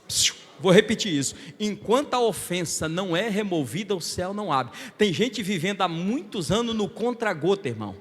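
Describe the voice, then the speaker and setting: A male Brazilian guest preacher delivering a Pentecostal sermon, moving from quiet storytelling to shouted, rhythmic calls to the congregation. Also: high voice, animated, fairly quick, hardly any pauses. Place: large church hall. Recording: long hall reverb.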